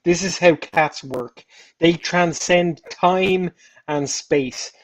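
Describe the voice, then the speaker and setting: A man's voice: on the high side, slow, poor audio. A man chatting casually on a voice call, rambling and playful, laughing often. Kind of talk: casual chat.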